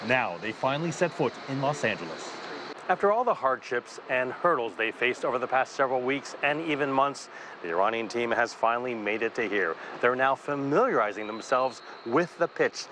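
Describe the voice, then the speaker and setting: Male reporter, steady news voice. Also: medium pitch, normal speed, noisy background.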